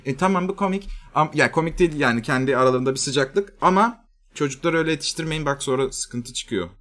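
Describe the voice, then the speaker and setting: A young man co-hosting a casual podcast, giving chatty advice with quick asides. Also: on the high side, expressive, a bit bright. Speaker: podcast co-host.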